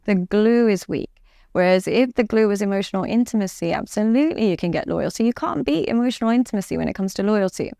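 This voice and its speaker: A woman coach from Dubai talks with firm, confident emphasis, leaning on repeated key words. Her voice is smooth and resonant, and the sound is close and dry with no room echo. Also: medium pitch, expressive, fast, mellow. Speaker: relationship coach. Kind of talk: podcast interview.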